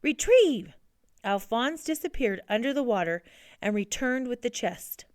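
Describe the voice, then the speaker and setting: A woman narrating a children's picture book in a steady storybook reading. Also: fairly high pitch, normal speed, dry recording, studio quality.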